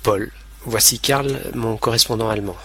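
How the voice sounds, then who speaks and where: Guy reading a language lesson, lowish voice, slow and clear. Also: fairly bright tone. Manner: slow, clear, carefully pronounced. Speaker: lesson narrator.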